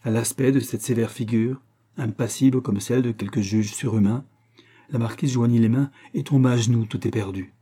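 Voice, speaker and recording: A man reading a classic French tale aloud, with measured, dramatic storytelling. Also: mid-range voice, mellow, breathy edge. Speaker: audiobook reader. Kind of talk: literary narration.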